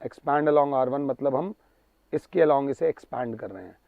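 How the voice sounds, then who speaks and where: A man teaching a maths lesson, emphatic and pleading, reading out numbers slowly. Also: mid-range voice, vocal fry, no echo. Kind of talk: classroom lecture. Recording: tinny narrow-band sound, dry.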